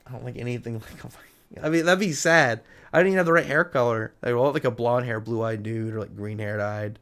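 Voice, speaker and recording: Fairly quick and a bit bright, this medium-pitched man hosts a livestream where he casually talks with viewers and reads their comments. His chat rambles, darts between side remarks, and goes over the same ground repeatedly.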